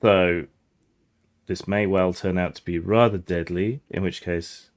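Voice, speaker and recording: Deep-voiced tired male game master. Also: fairly even intonation, unhurried. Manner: dry, understated humor. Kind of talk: narrating a tabletop game.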